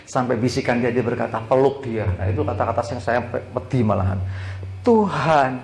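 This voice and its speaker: Preacher in an echoey hall. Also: male voice, medium pitch, steady tone, fast, creaky. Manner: dramatic storytelling, shifting between hushed prayer and loud exhortation. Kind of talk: sermon with personal testimony. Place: church hall.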